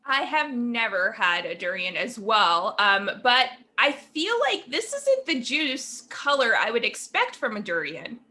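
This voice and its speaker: A woman's voice: a little high, very animated, sharp tone. A woman co-hosting an online trivia show, reading out the questions and answer choices in a playful, giggly way. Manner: playful, giggly, reads options aloud deliberately. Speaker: trivia co-host. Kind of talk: reading quiz questions on a livestream.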